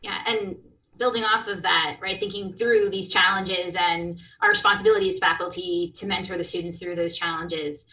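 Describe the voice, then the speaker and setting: A woman moderating a faculty panel over a video call, speaking in a measured way and putting questions to the panel. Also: on the low side, fairly even intonation, sharp tone, poor audio.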